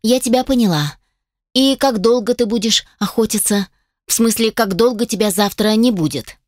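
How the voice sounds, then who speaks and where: A woman's voice: a little high, normal speed, darkish tone, no room sound, clean studio sound, pitched above the performer's own voice, lightly acted. A woman voicing a feisty young heroine in an audiobook, with a raised, pleading, snappy delivery. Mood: curious.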